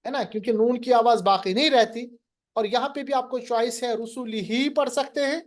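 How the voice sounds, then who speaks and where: A man teaching Quran recitation in a lesson, quizzing his student and slowly drawing out recited words. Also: very high voice, steady tone. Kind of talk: online lesson.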